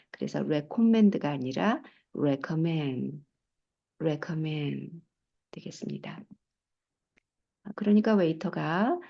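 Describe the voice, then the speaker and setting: A woman's voice: fairly low pitch, creaky, darkish tone, husky, dull audio. A woman English teacher giving a recorded lesson, explaining and modelling travel phrases with careful pronunciation. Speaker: English teacher and textbook author.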